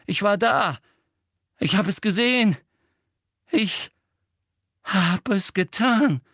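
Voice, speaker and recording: A man's voice: mid-range voice, moderate pace, vocal fry, breathy edge, no echo, studio quality. A man voicing a panicked teenage boy wizard in pain, gasping and agitated, in an audiobook reading. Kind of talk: audiobook character voice.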